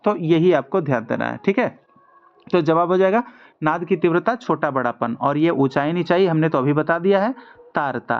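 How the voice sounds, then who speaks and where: A man's voice: a little high, lively intonation, normal speed, dull audio. A man teaching a music exam lesson, walking through multiple-choice questions step by step and asking himself rhetorical questions as he explains. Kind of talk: online MCQ lesson.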